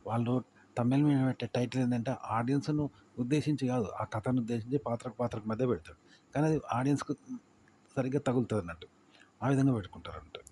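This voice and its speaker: A man's voice: mid-range voice, racing, dark tone, slight background noise. A man explaining YouTube tips in casual talk, rambling and repeating his points as he asks the listener if they follow. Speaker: YouTube creator giving tips.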